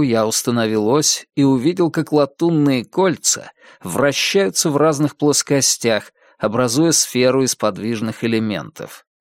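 A man reading a dark first-person story as an audiobook narrator, in a measured storytelling manner. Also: medium pitch, dry recording, clean studio sound.

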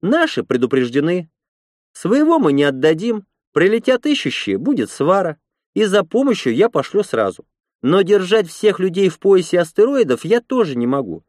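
A woman's voice: fairly low pitch, big pitch swings, normal speed, darkish tone, no echo, studio quality, voice pushed up. A man voicing a proud, hospitable woman who leads a settlement, speaking earnestly and reassuringly.

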